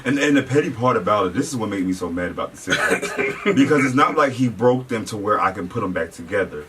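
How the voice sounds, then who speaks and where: Low-voiced man talking fast and blunt. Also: lively intonation. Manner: fast, blunt, swearing when riled. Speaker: interviewee, the ex-fiancé. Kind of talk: casual chat. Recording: distant mic with faint background noise.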